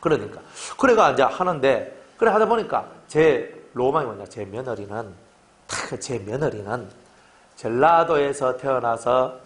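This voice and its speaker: A middle-aged man, preaching a sermon to his congregation in a lively, joking way and often asking them to agree. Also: mid-range voice, unhurried. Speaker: pastor.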